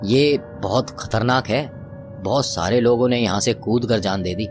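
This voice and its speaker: A man voicing a frightened street vegetable seller who speaks slowly in hushed, ominous warnings. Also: mid-range voice, faint music behind, close to an everyday voice.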